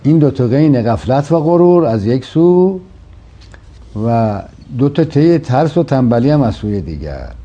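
A man in a reflective religious discussion, explaining slowly and quoting scripture. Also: mid-range voice, very animated, dark tone. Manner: measured, explanatory, quotes Quranic verses. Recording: dull lo-fi sound.

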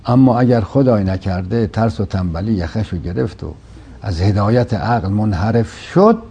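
A man in a reflective religious discussion, explaining slowly and quoting scripture. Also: on the low side, dark tone, slightly rough. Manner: measured, explanatory, quotes Quranic verses. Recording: dull lo-fi sound.

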